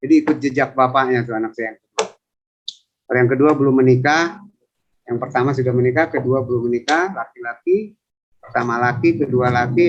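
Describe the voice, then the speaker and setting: This civil service trainer in his fifties rambles casually through his self-introduction in an online coaching session. His voice sits at a medium pitch, and the lo-fi video call recording has a noisy background.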